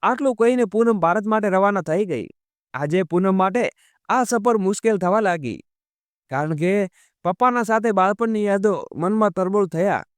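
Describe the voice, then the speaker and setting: A man narrating a scripted story in a steady, measured storytelling manner. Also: high-pitched, no echo.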